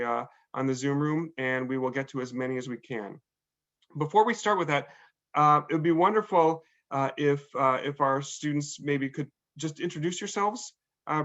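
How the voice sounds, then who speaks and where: Guy hosting a zoom panel, flat even voice, lots of uhs, muffled call audio. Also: medium pitch. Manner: halting, many fillers and restarts. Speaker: admissions dean hosting a panel. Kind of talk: online panel welcome. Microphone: video call. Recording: dull lo-fi video call audio.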